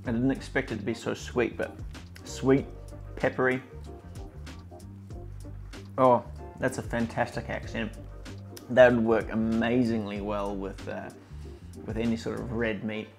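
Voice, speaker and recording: A man hosting a casual cooking vlog, tasting dishes and talking with relaxed enthusiasm and plenty of fillers. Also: fairly low pitch, unhurried, creaky, long pauses, faint music behind. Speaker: cooking channel host.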